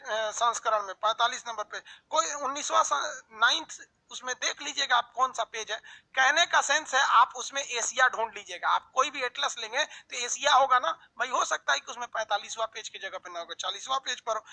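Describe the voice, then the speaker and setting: A man teaching an online map lesson, drilling country lists in quick runs and joking with viewers' comments. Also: extremely high pitch, vocal fry, bright, forceful tone, rough recording. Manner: brisk drilling, calls students "babu", joking asides.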